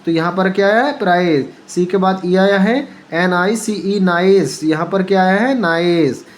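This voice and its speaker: A male teacher runs a spoken pronunciation lesson, spelling words out letter by letter and asking the viewer to repeat each answer. He speaks unhurriedly in a high voice.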